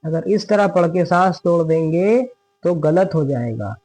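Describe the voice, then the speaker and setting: A man with a fairly high voice teaches a recitation lesson at a steady, patient pace. He keeps asking questions and answering them himself. For each example verse he slows into a long, drawn-out chant. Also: low-quality recording. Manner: patient, repetitive, asks and answers his own questions.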